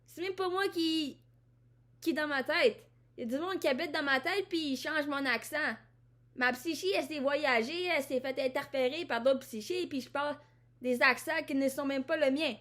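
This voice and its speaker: A vlogger from Ottawa, Canada, speaks to the camera in a high-pitched, slightly bright voice at normal speed. Her monologue is rambling and introspective, and she often repeats and restarts her phrases.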